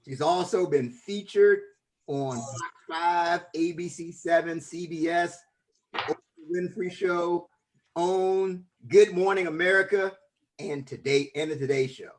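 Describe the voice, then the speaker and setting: Man, podcast host, higher voice, enthusiastic, stumbling repeats, casual interview. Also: measured pace.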